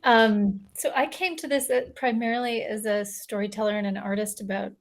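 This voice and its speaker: A woman speaks earnestly on a panel as an artist and care expert. Her tone is reflective. Her pitch sits in a middle range. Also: fairly even intonation, moderate pace. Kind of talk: panel answer.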